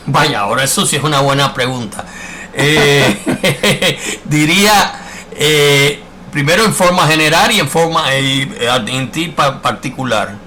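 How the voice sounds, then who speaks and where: A man's voice: a little high, slow pace, noisy background. A man hosting a radio interview, chatty and friendly, with lots of filler words. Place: Miami.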